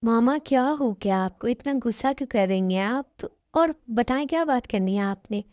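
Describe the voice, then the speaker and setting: A woman dubbing a calm, dutiful young man who speaks with his parents, in an amateur dubbed love story. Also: a little high, normal speed, no room sound, clean studio sound, natural voice. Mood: puzzled.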